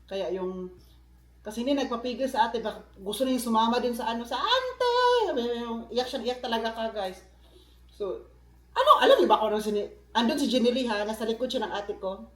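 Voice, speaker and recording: A man's voice: extremely high pitch, expressive, brisk, fairly bright tone. Chatty Filipino vlogger man, echoey room. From Philippines. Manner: chatty, with many asides to viewers. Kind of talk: casual vlog chat. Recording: roomy echo.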